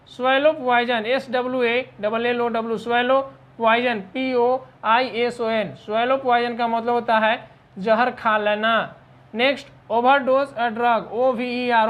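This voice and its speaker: Slow-spelling woman English teacher. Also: a little high, steady tone, lo-fi sound. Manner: spells each word letter by letter, then explains it slowly. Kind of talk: vocabulary lesson.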